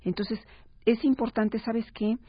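A woman, a parenting expert speaking as a guest on a radio talk show, explaining calmly and acting out parents and children. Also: mid-range voice, moderate pace, breathy edge, no room sound. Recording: slightly dull radio broadcast sound.

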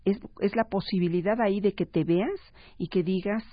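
A woman, a parenting expert speaking as a guest on a radio talk show, explaining calmly and acting out parents and children. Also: medium pitch, moderate pace, no room sound. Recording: slightly dull radio broadcast sound.

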